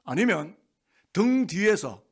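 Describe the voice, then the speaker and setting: A man's voice: high-pitched, very animated, takes it slowly, slightly rough. A man preaching a Sunday sermon as pastor, asking the congregation rhetorical questions. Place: church sanctuary.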